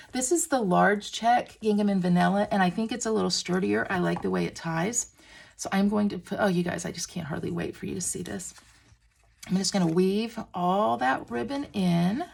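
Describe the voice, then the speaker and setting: Gushing woman with a gravelly voice. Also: mid-range voice. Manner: gushing and excitable, talks while working with her hands. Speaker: stamping craft demonstrator. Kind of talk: crafting tutorial.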